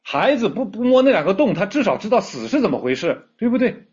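A male pastor preaches to his congregation in earnest, asking question after question and stumbling over repeated words. His voice is husky and a little high, and it rises and falls a great deal. The recording sounds dull and lo-fi. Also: sing-song, quick pace, a little mellow. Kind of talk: sermon. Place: church hall with congregation.

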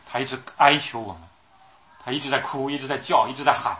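With a little hiss or hum behind him, a man preaches fast in a sharp, mid-range voice. He keeps asking his listeners questions, repeats himself, and performs the voices of the people he quotes.

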